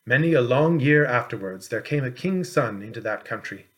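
In a measured and expressive storytelling manner, a man with a mid-range voice narrates a storybook as an audiobook reader.

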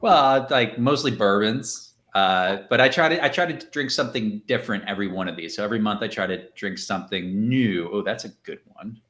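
A man's voice: fairly low pitch, brisk, few pauses, fairly bright tone. A man hosting a casual live chat over drinks, chatty and jokey, often laughing. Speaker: podcast co-host. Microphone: livestream setup.

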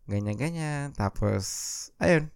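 A man's voice: mid-range voice, lively intonation, a little slow, creaky, darkish tone, smooth. A man from the Philippines co-hosting a casual dinner chat, rambling and switching between Tagalog and English. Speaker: podcast co-host.

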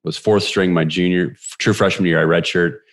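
A man in his forties, a podcast guest, telling a personal story with animated energy and acting out the voices of people in it. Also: low-pitched. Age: 40s. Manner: animated, quick storyteller who acts out quoted dialogue.

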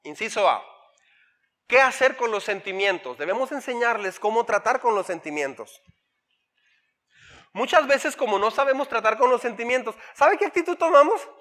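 A man preaching a sermon to his church, animated, asking the congregation questions and acting out parents and kids in quoted voices. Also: very high-pitched, normal speed. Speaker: pastor. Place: church hall.

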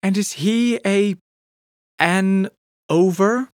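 A blunt, tipsy woman, as a male storyteller puts her on, firing off sharp, exasperated questions in a lifted voice. The audiobook reading is close and dry, with no room around it. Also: high voice, drawn-out words, no room sound, voice pushed up.

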